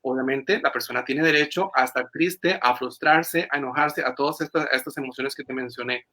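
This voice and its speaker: A brisk, sharp male voice at medium pitch belongs to a clinical psychologist. On a video call, he explains things in interview answers, stumbling through fillers and restarts.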